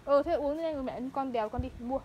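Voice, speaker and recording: In a home video shot indoors, a mother keeps urging and scolding her child to hurry up, her high voice coming out fast. The coaxing is urgent and repetitive, and the lo-fi recording carries slight background noise.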